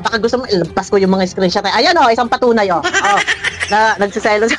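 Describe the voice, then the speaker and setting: A woman's voice: mid-range voice, animated, fast talker, over music. A woman vlogger giving mocking, scolding reaction commentary, laughing often as she talks.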